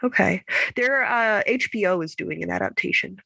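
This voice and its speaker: A woman chatting casually as a book podcast co-host, playful and quick to laugh, her voice congested because she can't breathe through her nose. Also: medium pitch, creaky, dry recording. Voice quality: congested, stuffy blocked-nose voice. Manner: playful, animated, laughs easily. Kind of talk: casual chat.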